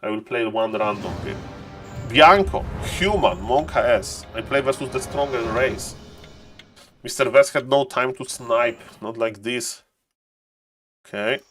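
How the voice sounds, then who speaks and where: A man's voice: mid-range voice, a little slow. A man giving casual live gameplay commentary as a streamer, in short, playful, ironic remarks that he often repeats. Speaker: game streamer. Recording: game music behind the voice. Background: strategy game music.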